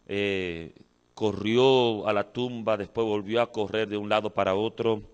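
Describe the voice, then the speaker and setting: Deep-voiced Mexican pastor preaching. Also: male voice, clear, resonant tone. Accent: Mexican Spanish. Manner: asks the congregation questions and reads scripture aloud. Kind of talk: sermon with opening prayer. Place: church.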